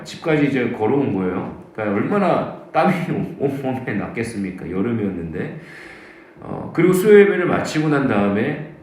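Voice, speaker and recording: A male pastor with a slightly mellow mid-range voice preaches at a dawn service in a church sanctuary. He shares his own testimony within the sermon, acting out the voices he quotes, and the hall sounds very echoey.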